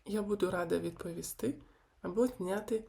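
A woman teaching a video grammar lesson. She speaks slowly and deliberately and repeats verb forms one by one. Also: medium pitch, creaky, mellow. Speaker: Hebrew language teacher.

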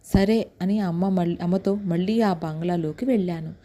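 A woman with a Telugu accent telling a first-person story in steady, unhurried narration. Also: on the low side.

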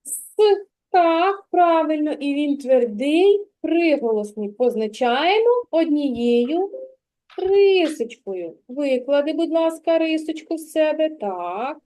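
A kindergarten teacher with a high, warm, soft voice works one-on-one with a young child learning to read. She talks slowly, patiently and expressively, drawing out each sound and stressing words so the child can hear them clearly.

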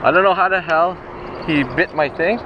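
A young man filming his own fishing trip on a head-mounted camera, talking casually and excitably, with some swearing, on a riverbank. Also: fairly high pitch, normal speed, highs cut off. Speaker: angler filming his catch. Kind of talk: casual outdoor chat. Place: riverbank and dock outdoors. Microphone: head-mounted action camera. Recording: action camera with loud wind and water noise.

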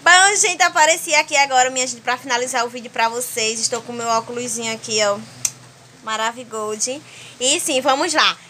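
A young woman with a Brazilian accent chats through a home vlog, keeping up a friendly stream of talk to her viewers. Her voice is bright and sits a little high. She holds the phone at arm's length in a small room at home. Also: fairly even intonation, a little fast, slight background noise. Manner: chatty, keeps addressing viewers warmly with diminutives. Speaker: home vlogger.

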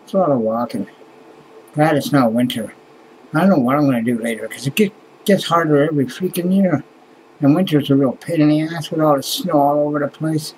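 Talking fairly quickly in a voice on the high side and a little mellow, this Canadian vlogger in his fifties rambles to the webcam near his face in a small room at night. He sighs, swears a lot, and lets thoughts trail off; the recording is low quality with slight background noise.

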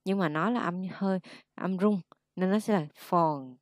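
A woman's voice: lowish voice, normal speed, no room sound, clean studio sound. A woman teaching pronunciation one-on-one, patiently modelling each sound and explaining lip and tongue position.

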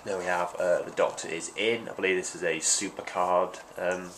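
A low, steady male voice at moderate pace belongs to a vlogger in his twenties unboxing items in a small room at home. Hay fever makes him sound stuffed up, and he rambles casually with frequent ums. The sound is noisy webcam audio from his desk.

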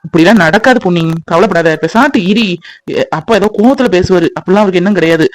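Someone doing a gentle grown son in a cartoon, quick talker, keeps reassuring. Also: medium pitch, lightly acted, rough recording. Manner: soothing, reassuring. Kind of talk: family drama cartoon voice acting.

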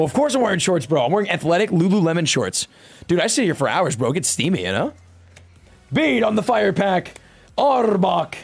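A young man chatting casually to livestream viewers in slangy, bro-heavy talk, swinging from low asides to loud, excited hype calls. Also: gravelly, slightly rough. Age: young adult. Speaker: live streamer opening card packs. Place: indoor streaming room at home.

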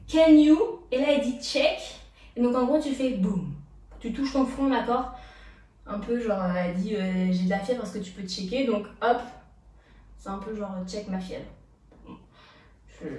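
A young woman walks students through a street jazz routine, counting beats and calling out steps with playful sound effects. Her voice sits a touch high and comes from a distance. The room rings with strong echo and faint ambient noise. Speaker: dance teacher. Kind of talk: dance tutorial instruction. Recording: echoey room, voice from far off.

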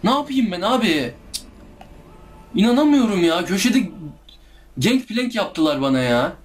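A man's voice: high voice, big pitch swings, a little slow. A young man commenting live on a hard game he is playing, exasperated, groaning and pleading with the enemies as he keeps losing. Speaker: gameplay streamer.

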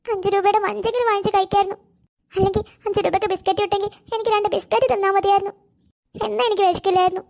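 A woman's voice: level tone, racing, gravelly, a little mellow. A woman voicing a hungry, sad little girl in a cartoon, speaking in a plaintive, childlike way. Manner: high childlike voice, plaintive and self-pitying. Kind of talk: cartoon voice acting.

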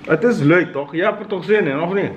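A man's voice: high voice, brisk, highs cut off, slight background noise. Man vlogging casually at home. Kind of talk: casual vlog chat to camera. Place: at home indoors, rooms with hard floors and walls. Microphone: handheld camera at arm's length.

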